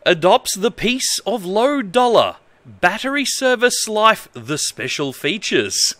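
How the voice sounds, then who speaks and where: An Australian man in his thirties, streaming casually from his desk indoors, does a halting comic read-aloud, amused and emphatic. He speaks slowly in a high, very animated voice that sounds pushed and bright, with no room sound.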